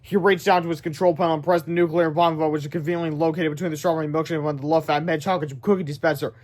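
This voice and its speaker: A man reading a children's book aloud in an animated way, breaking off for excited asides. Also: on the high side, very fast. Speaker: read-aloud narrator.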